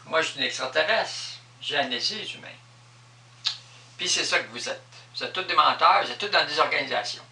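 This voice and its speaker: A Quebec-accented man with a bright, forceful voice on the high side improvises an emphatic, repetitive monologue explaining his personal spiritual beliefs for his vlog. The microphone is distant and the room echoes.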